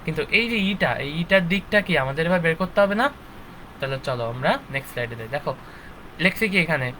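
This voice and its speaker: A young male physics instructor with a high, fairly bright voice teaches a live online lecture, stopping after nearly every point to ask "ঠিক আছে?" or say "okay". The recording is low quality, with slight background noise.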